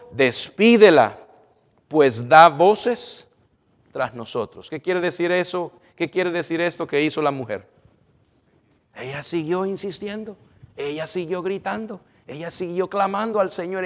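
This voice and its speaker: Animated male preacher with reverb. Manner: animated, swings from loud emphatic to soft and low; asks the congregation questions. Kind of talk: sermon.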